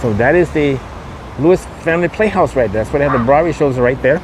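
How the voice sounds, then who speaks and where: Speaking quickly and expressively in a mid-range voice, a man runs a casual walking tour podcast on a windy shopping mall street, going over his points repeatedly like a tour guide. He's a podcast host and vlogger, and his camera mic with wind guard picks up the windy outdoor noise.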